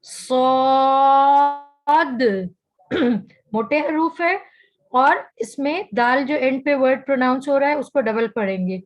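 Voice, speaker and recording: Lady teacher w a high voice on an online class, stretches out each letter sound, patient explaining. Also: poor audio. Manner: slow, careful pronunciation of each letter. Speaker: Quran recitation teacher. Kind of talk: online tajweed lesson.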